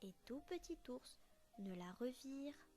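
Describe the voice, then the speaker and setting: A woman teacher reading a children's story aloud in a slow, expressive storytelling voice. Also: high-pitched, faint music behind.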